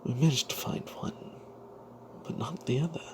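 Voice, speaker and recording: This man whispers a fantasy tale ASMR-style, voicing a dry, distrustful cleric on an adventure, his mid-range voice breathy, hushed and hesitant. Noise sits in the background.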